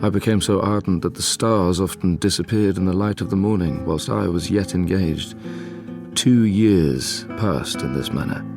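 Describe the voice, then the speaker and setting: An actor playing Victor Frankenstein, an obsessed, haunted young scientist, speaking with formal, literary intensity in an audio drama. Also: male voice, low voice, moderate pace, music in the background. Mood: grave, reflective. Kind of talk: audio drama acting, first-person narration and dialogue.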